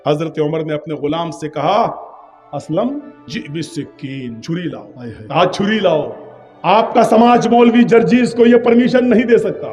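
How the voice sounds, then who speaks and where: A male preacher giving an impassioned sermon from a stage, telling a story and rising into shouts. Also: high voice. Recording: reverberant hall with faint music.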